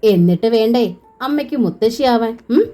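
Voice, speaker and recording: A woman reading as a calm young soldier son, gentle and lightly teasing, in a storybook reading. The voice stays soft and steady. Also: medium pitch, moderate pace, close to an everyday voice.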